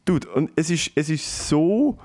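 A man's voice: fairly high pitch, a little slow. Young Swiss man telling a story. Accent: Swiss German. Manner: animated, swears a lot, mixes in English slang. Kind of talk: casual storytelling chat.

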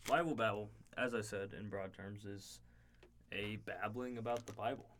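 A man in his twenties co-hosts a casual podcast from his dorm room, speaking at normal speed in a fairly low, fairly bright voice. He's earnest and explains things at length, using plenty of fillers. Slight background noise is audible.

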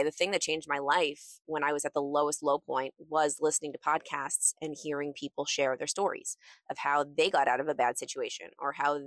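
A woman's voice: low-pitched, fairly bright tone, dry recording. A woman podcast host talking casually from inside a closet, in a chatty, emphatic, motivational manner. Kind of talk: casual solo podcast talk.

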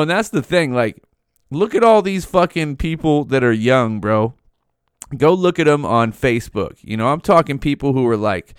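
A man's voice: mid-range voice, clear, resonant tone, no room sound, studio quality. Profane, rambling male podcast host. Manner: rambling, heavily profane, slangy. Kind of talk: casual monologue storytelling.

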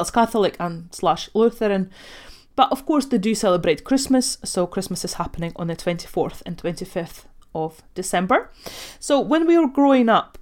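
A woman in her thirties from Latvia, Russian being her first language, talks alone into a podcast mic as a life coach. Her delivery is gentle and reflective, with frequent soft laughs. Her voice sits at an ordinary middle pitch. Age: 30s. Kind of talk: solo podcast monologue.

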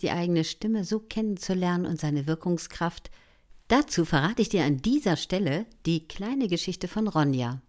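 With a lowish voice, a woman teaches a voice lesson and speaks right to her listener. Encouragement runs throughout, broken now and then by soft side remarks.

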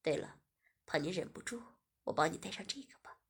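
A woman voicing a smug, teasing young man, reading him in a lowered, breathy voice. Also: animated, brisk, full character voice.

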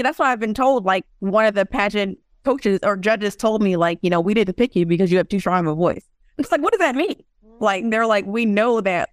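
A young woman with a mid-range voice is a guest on a casual interview, telling stories animatedly and acting out what people said. The studio recording is clean, with no echo.

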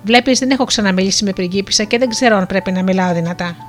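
A woman narrator voicing a shy, polite young male fisherman who speaks softly and courteously. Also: medium pitch, soft background music, close to an everyday voice. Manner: soft-spoken and courteous.

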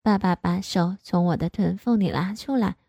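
A woman narrating a first-person audio story in a slow, soft, even reading. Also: on the low side, creaky, breathy edge, dry recording.

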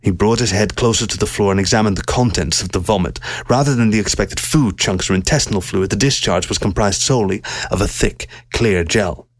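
A man narrating a science-fiction story aloud with steady, measured storytelling. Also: lowish voice, no echo.

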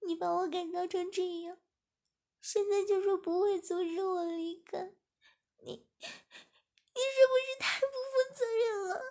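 A woman reading a story voices a young woman who is crying and pleading in a high, tearful, emotional voice. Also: extremely slow, long pauses, pushed and bright, heavily acted.

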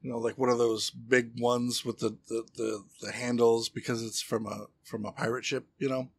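A man's voice: medium pitch, little pitch movement, moderate pace, slightly rough, no room sound. A man, a comedian and podcast co-host, chatting casually and telling jokes in a rambling way, full of fillers and restarts.

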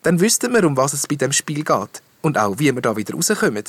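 A man doing a soft-spoken mermaid girl. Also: fairly high pitch, very animated, a little fast, a little hiss or hum, voice pushed up. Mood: gentle. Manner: soft and quiet. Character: gentle young girl mermaid. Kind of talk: storybook reading.

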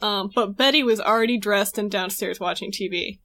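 A woman's voice: mid-range voice, normal speed, a bit bright. A woman co-hosting a podcast, recapping comic strips in casual chat and laughing often.

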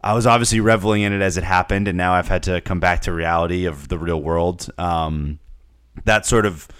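A young man with a notably deep voice chats loosely about sports as a podcast co-host. He rambles, restarts and repeats words often. The sound is dry and close. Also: fairly even intonation, a little fast, a bit bright, clean tone, no room sound. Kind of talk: casual sports chat.

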